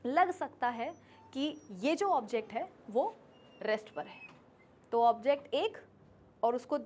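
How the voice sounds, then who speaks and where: A woman teaching a physics class, chatty, acting out little scenes and her students' replies, often checking that they understand. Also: sits high. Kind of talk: classroom lecture in Hindi with English terms.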